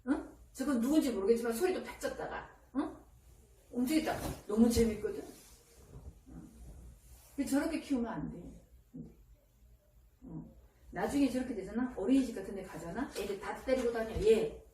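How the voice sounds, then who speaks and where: A woman giving parenting advice in casual counseling talk, lively and animated, often acting out a child's voice. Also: on the high side, moderate pace, long pauses. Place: counseling room indoors. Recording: echoey room from a distance, faint ambient noise.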